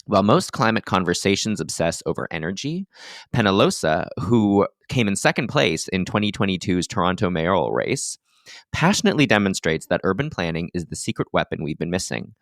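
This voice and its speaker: A man hosting a podcast, reading a smooth introduction and then asking casual questions. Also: low voice, sing-song, a little fast, no room sound, studio quality. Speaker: podcast host.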